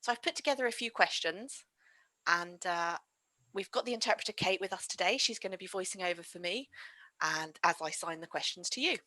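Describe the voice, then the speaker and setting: A woman working as a sign language interpreter, voicing an interviewer's questions on a video call in a polite, steady manner. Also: lowish voice, brisk, dry recording, low-quality recording. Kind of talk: interview questions read aloud.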